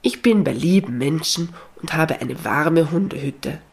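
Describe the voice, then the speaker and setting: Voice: medium pitch, measured pace, gravelly, slightly rough. A narrator voicing an old tired dog. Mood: reminiscing.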